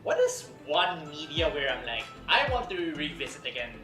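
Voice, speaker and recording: A woman's voice: low-pitched, very animated, moderate pace, echoey room, distant mic, music in the background. A woman streaming a game with casual commentary, playful and teasing, often laughing at what she reads.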